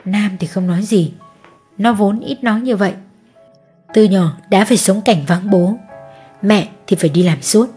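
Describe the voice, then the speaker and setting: Husky-voiced woman narrating a story. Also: mid-range voice, normal speed, long pauses, soft background music. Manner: steady, even storytelling.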